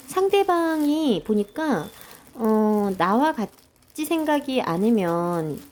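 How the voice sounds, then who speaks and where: A woman chatting casually and alone while she cooks at home, thinking aloud in an unhurried, hesitant way. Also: medium pitch, dark tone. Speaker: home cooking vlogger. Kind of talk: casual solo chat while cooking. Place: at home while preparing food.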